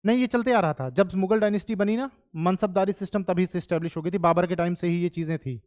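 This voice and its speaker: A man's voice: high-pitched, fast, a little mellow. A man teaching history to a class of exam students, chatty and often checking that they follow.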